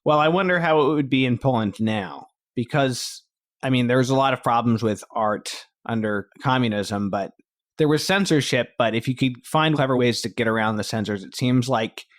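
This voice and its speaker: A man's voice: mid-range voice, moderate pace, no echo, clean studio sound. A man hosting a podcast, presenting and discussing in a conversational way. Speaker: podcast host.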